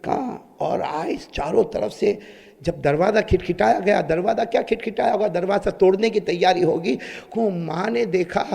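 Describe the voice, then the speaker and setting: A man preaching a dramatic story sermon, animated and prompting the crowd to answer him. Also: sits high, gravelly, slightly rough. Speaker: preacher, Quran reciter. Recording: long hall reverb.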